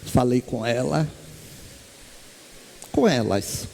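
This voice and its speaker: A man's voice: medium pitch, very slow, gravelly, a little hiss or hum. A man with a Brazilian Portuguese accent giving a spiritist lecture, telling stories and acting out the voices of the people in them. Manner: lively storyteller, acts out quoted voices. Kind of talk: storytelling lecture. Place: lecture hall stage.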